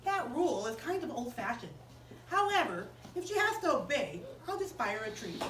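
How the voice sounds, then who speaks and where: An indulgent, doting mother, voiced by a woman storyteller, gushing over her child. High-pitched and excusing. Recorded far from the mic in an echoey room. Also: very animated, normal speed, fairly bright tone.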